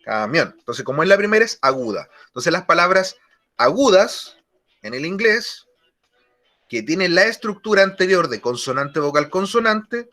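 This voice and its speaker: A male teacher explaining grammar rules slowly in a lesson, often repeating key words. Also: high-pitched, big pitch swings, bright, forceful tone. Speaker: English teacher.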